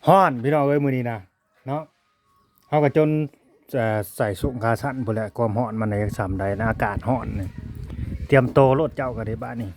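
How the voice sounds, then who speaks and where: A man's voice: medium pitch, fairly quick, a little mellow, slight background noise. A man with an Isan Thai accent, chatting casually to viewers as he films his family at home and keeps addressing them as brothers and sisters. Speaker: vlogger filming family life. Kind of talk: casual running commentary to viewers. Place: family home in a rural village.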